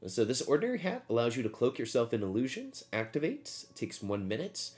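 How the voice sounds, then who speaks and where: A man's voice: mid-range voice, huge pitch swings, a little fast, darkish tone. A man acting as game master, narrating a tabletop game and reading out rules.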